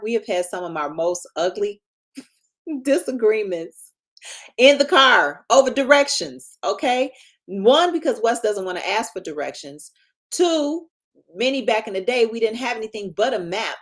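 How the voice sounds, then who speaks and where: A woman in her fifties, a marriage and relationship coach, talking casually and in a lively way on a live stream. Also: medium pitch. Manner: lively, chatty, self-deprecating asides.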